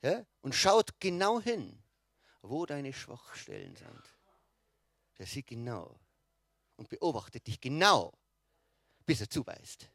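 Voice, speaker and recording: A man's voice: mid-range voice, sing-song, slow, long pauses, a bit bright, no room sound. A man preaching a sermon in a conversational way, often checking in with his listeners and restarting his phrases.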